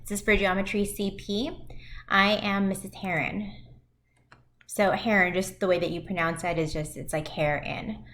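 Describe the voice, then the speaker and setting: A woman in her thirties, a high school math teacher, walking parents through class web pages in a recorded virtual presentation. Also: level tone, moderate pace, a bit bright.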